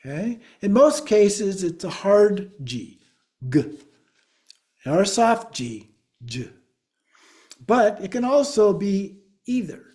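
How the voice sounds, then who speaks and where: A man lecturing slowly and patiently, walking his class through each point and pausing to check they follow. His voice sits a little high for a man, with a soft, mellow tone. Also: expressive. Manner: patient, explaining step by step, checks in with "okay?". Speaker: Buddhist teacher.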